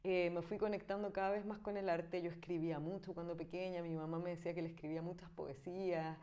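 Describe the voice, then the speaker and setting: Chilean woman, 30s, low mellow voice; relaxed interview guest, giggly, hesitant, lots of fillers. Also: fast talker. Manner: warm, giggly, thinking aloud with many fillers. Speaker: guest artist. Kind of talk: casual interview chat.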